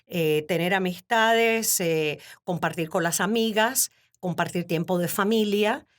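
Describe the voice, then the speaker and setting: A Cuban woman in her fifties, speaking in an animated, laughing way as a guest in a casual interview. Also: lowish voice, a little slow. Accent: Cuban Spanish. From Cuba. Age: 50s. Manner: warm, animated storytelling with frequent laughter. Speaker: podcast guest.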